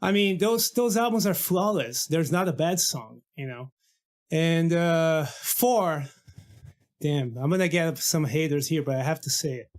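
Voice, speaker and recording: A Brazilian guest musician in a casual podcast interview speaks unhurriedly in a fairly high voice. He talks with enthusiasm, full of restarts and fillers.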